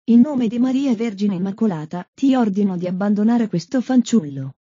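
A male exorcist priest gives solemn orders to a demon, read by a woman. He speaks slowly, in a very dark and husky tone. The recording is dull and dry. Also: medium pitch, expressive, no echo. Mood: commanding. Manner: slow, solemn commands.

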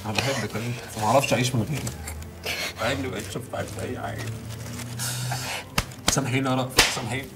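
An actor playing a hot-tempered Egyptian husband who shouts explosively at his wife. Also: mid-range voice, fairly even intonation, quick pace, long pauses, heavy background noise, close to an everyday voice. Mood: pleading. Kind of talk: comedic film acting.

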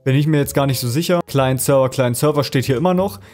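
A man hosting a screen-recorded software tutorial, explaining casually with fillers and speaking straight to his viewers. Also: mid-range voice, fast, faint music behind. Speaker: tutorial host.

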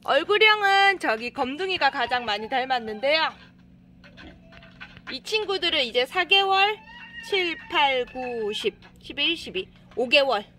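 Bright high-pitched woman coaxing cats. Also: slight background noise. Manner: sing-song coaxing calls to cats. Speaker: animal cafe owner showing her cats. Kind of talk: casual vlog narration to viewers. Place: outdoor yard with lawn.

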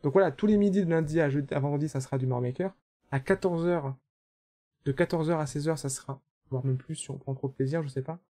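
A young French man streaming a video game and chatting casually, relaxed, with fillers and the odd swear word. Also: fairly high pitch, fast. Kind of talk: casual chat.

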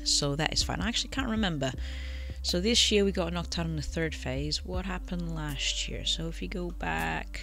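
Slightly high and gravelly, this man's voice moves at a moderate pace as he gives relaxed commentary on a football management game run. He's a game channel host with a cold, and he keeps stumbling into fillers and correcting himself. Soft music sits behind him.

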